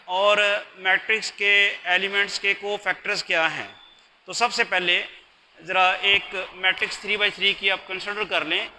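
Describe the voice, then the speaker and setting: A man's voice: high voice, bright, forceful tone, slight background noise, poor audio. A man giving a recorded math lecture, patient and explaining step by step. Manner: patient, explains step by step, mixes in English terms.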